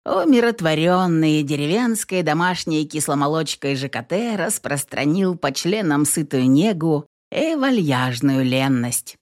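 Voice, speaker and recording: A woman narrating an audiobook chapter in an expressive, ironic storytelling manner. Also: sits low, measured pace, few pauses.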